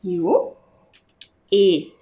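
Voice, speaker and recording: A woman teacher with a Brazilian Portuguese accent gives a primary school lesson. Her pitch rises and falls a lot as she speaks. She sounds out each syllable slowly and clearly for young pupils. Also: wildly swooping pitch, dark tone. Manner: slow, clear syllable-by-syllable explanation.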